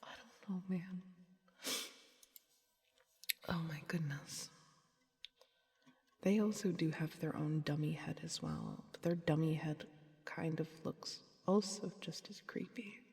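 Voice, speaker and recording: A woman's voice: low voice, slow, vocal fry, pauses often, warm tone, in a large hall. A woman streamer in whispered ASMR chat, mostly whispering and chatty, with sudden startled outbursts. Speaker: VTuber streamer.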